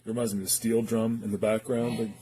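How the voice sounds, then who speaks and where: Over loud music, a gear reviewer shows off a guitar effects pedal in a casual, unscripted demo, hesitating and thinking out loud as he goes. He talks quickly in a fairly low, flat voice.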